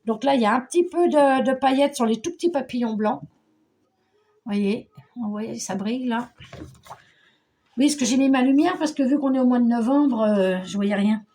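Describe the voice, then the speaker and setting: A woman's voice: on the high side, moderate pace, pauses often, mellow. Chatty middle-aged woman from Paris. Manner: chatty, hesitant, many fillers and restarts. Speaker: scrapbooking vlogger. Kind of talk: casual show-and-tell chat.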